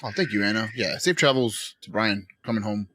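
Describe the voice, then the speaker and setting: A man's voice: lowish voice, expressive, fairly quick, a crowd in the background. A man chatting casually as a livestream co-host. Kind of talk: casual chat.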